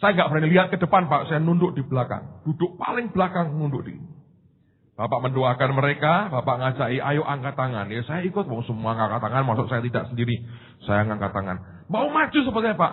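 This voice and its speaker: A man's voice: mid-range voice, fairly quick, a little hiss or hum. A man preaching a sermon, telling stories animatedly and acting out the dialogue. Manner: animated storytelling, acting out dialogue, laughing at own jokes. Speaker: pastor. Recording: tinny phone-like sound with long hall reverb.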